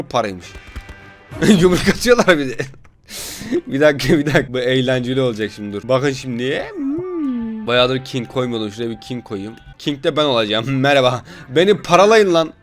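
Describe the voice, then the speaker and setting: Lively, excitable man gaming on camera. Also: mid-range voice, normal speed, pauses often, faint music behind. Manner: playful, excitable, joking with viewers. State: sleep-deprived. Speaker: gaming YouTuber. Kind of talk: casual gameplay commentary.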